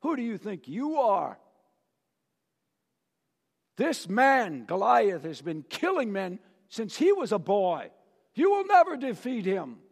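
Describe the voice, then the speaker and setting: A man's voice: high-pitched, sing-song, slow pace, vocal fry, pauses often, full character voice. A man voicing a scornful king who mocks a boy, in a church hall with a long reverb. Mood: mocking. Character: mocking older king, scornful.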